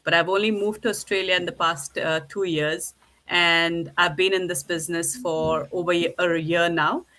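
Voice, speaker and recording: A woman's voice: on the low side, steady tone, moderate pace, pushed and bright. A woman from India hosting a live online panel, upbeat and eager, introducing her guests over a video call. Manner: upbeat, keeps calling things lovely. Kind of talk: live-streamed group discussion.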